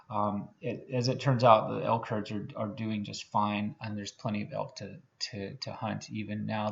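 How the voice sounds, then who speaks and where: Gravelly male lecturer, dull recording. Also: medium pitch. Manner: conversational, many fillers and restarts, frequent "okay?" checks. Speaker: biology professor.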